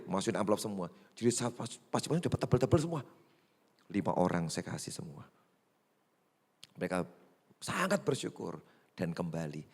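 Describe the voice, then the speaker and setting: A man with a Javanese accent preaching a sermon in a large church hall, where his voice carries a long reverb. His pitch leaps and dips in animated storytelling. He acts out quoted voices and moves from loud bursts to near-hushed lines. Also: slightly rough. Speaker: pastor.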